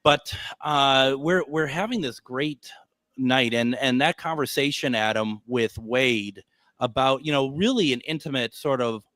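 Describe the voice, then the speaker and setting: A man hosting a live radio show in casual chat, speaking haltingly and repeating words as he goes. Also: medium pitch, fairly bright tone, no room sound.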